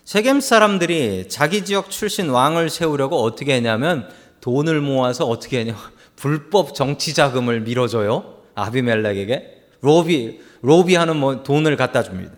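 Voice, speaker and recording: A man's voice: medium pitch, expressive, moderate pace, big-room sound. A man, a pastor, preaching a Sunday sermon and retelling a Bible story to his congregation, voicing its figures and calling out to the listeners. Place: church sanctuary.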